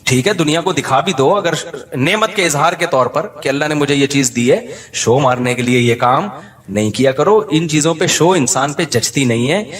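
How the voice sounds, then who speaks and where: A man's voice: on the high side, expressive, moderate pace, in a large hall. A man giving a humorous religious lecture, telling stories in a joking way and laughing between points. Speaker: Islamic scholar giving a talk.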